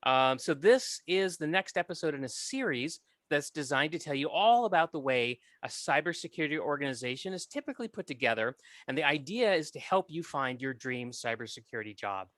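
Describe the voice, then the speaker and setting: Bright, dry-voiced male podcast host. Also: a little high, animated, fairly quick, no room sound. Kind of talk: podcast introduction.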